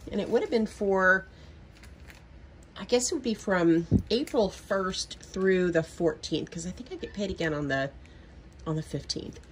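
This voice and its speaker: At her kitchen counter, a middle-aged Southern American woman who vlogs about budgeting rambles through a shopping haul, full of ums, asides and baby talk to her cat. Her voice is medium-pitched, with slight background noise.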